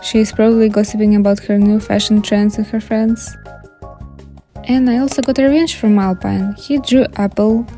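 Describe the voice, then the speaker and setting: A woman's voice: mid-range voice, steady tone, moderate pace, dark tone. A young adult woman with a Russian accent, giving casual scripted commentary as the host of an art channel. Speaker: YouTube artist and channel host. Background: background music.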